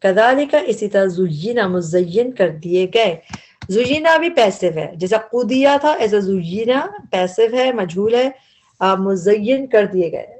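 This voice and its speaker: A woman's voice: mid-range voice, lively intonation, measured pace, darkish tone. A woman with an Urdu accent teaching a word-by-word translation lesson, explaining grammar patiently and repeating each word.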